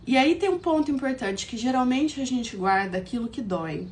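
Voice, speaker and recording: A middle-aged Brazilian woman with a hoarse, croaky voice from an inflamed throat, talking casually and reflectively as she teaches on a livestream. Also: high-pitched, lively intonation, a little fast, darkish tone. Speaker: host of a tarot challenge.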